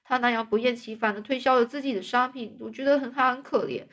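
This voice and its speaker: A woman's voice: a little high, steady tone, fast talker, a bit bright, voice pushed up. A woman doing Anne, a dramatic orphan girl. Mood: chatty. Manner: emotional, pleading, breathless rush of words. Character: dramatic talkative orphan girl, about thirteen. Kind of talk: storybook reading.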